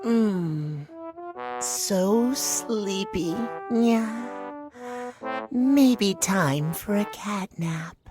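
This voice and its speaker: A woman's voice: mid-range voice, animated, very slow. Woman voicing Timmy, a drowsy cat spirit. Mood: drowsy teasing. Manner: drowsy, purring, teasing. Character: sleepy playful catlike male clock spirit. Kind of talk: video game voice acting. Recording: clear music underneath.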